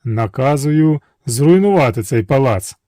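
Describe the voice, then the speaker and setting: A man voicing a brave young hunter hero who speaks calmly and firmly. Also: mid-range voice, unhurried, no echo, clean studio sound, pitched above the performer's own voice, lightly acted.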